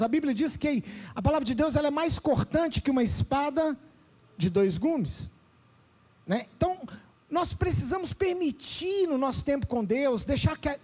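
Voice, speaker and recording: A male pastor preaching a sermon with a Brazilian Portuguese accent, animated and often calling out to the congregation for responses. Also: extremely high pitch.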